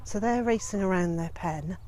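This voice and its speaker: A woman in her fifties narrates a casual homestead vlog outdoors beside her chicken pens. She talks in a chatty, gently amused way, at an ordinary middle pitch, with faint outdoor noise around her. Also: moderate pace. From Wales. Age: 50s. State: out of breath. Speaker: homesteading vlogger.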